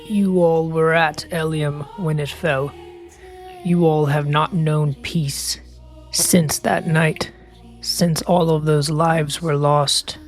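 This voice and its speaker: A man's voice: a little high, steady tone, takes it slowly, soft background music, voice pushed up. A man voicing a weary, haunted male warrior who survived a massacre, speaking solemnly and earnestly in a tabletop role-play. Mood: grave.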